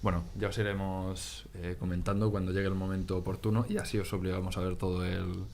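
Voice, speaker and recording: A man's voice: sits low, fast, creaky, slight background noise. Laid-back young Spanish man hosting. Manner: relaxed, laughs often, restarts sentences. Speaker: podcast host. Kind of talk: casual chat.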